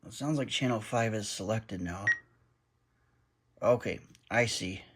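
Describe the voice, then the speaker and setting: A radio hobbyist vlogger films himself on a handheld phone while unboxing and setting up a radio, chatting and muttering over the gear. He speaks at a measured pace in a lowish voice, with background noise audible.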